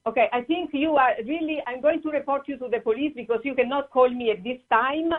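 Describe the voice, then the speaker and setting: Over a tinny, clipped phone line, a woman on the receiving end of a prank call argues fast, her high-pitched voice firm and insistent as she repeats her demands.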